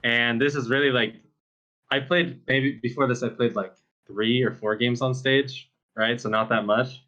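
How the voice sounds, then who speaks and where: A man with a bright, forceful voice answers questions after a match, loose and rambling with many fillers and easy laughs. The audio sounds dull and lo-fi, lacking crisp highs. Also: steady tone, moderate pace. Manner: casual, filler-heavy, laughs often. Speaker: pro esports player. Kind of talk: post-match interview.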